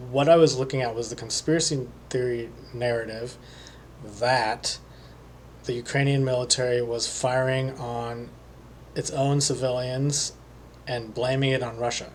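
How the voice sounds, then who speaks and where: A man talking alone as a psychic reader, slowly and hesitantly, with many pauses and fillers. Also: medium pitch, fairly even intonation, slight background noise. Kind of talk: solo monologue.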